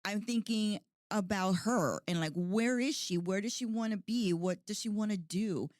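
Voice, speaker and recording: A woman's voice: medium pitch, normal speed, no echo. Woman in her 40s hosting a podcast, chatty and earnest, says like a lot, dry close mic. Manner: chatty, lots of "like" and "you know". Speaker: podcast host. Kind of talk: casual podcast chat.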